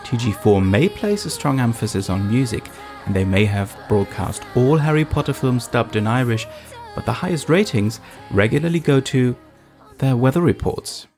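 A man's voice: medium pitch, animated, moderate pace, a little mellow, faint music behind. A man presenting scripted documentary narration, explaining things and addressing the listener directly. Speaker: host, narrator.

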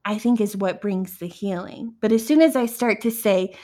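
A woman's voice: mid-range voice, normal speed, a little mellow. A woman co-hosting a podcast, talking candidly and reflectively in casual chat, with many filler words.

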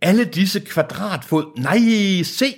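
A man's voice: mid-range voice, animated, voice pushed up, close to an everyday voice. A man voicing a swaggering, gloating male pirate chief in a theatrical, mocking way.

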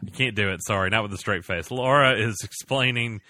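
A man hosting a casual podcast, recapping a TV episode in animated, joking asides. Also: fairly low pitch, no echo. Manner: animated, joking, retells scenes in quick asides.

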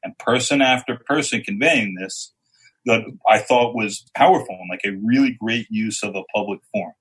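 A man on a discussion panel who explains things in a measured and wry way. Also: lowish voice, a bit bright, breathy edge, poor audio. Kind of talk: casual political discussion.

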